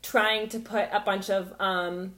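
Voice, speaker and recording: A woman's voice: mid-range voice, fairly even intonation, slow, pushed and bright. A young woman in her twenties co-hosting a podcast, chatting casually and leaning heavily on fillers like "like" and "um". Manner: laid-back, heavy on fillers like "like" and "um". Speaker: podcast co-host. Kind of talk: casual chat.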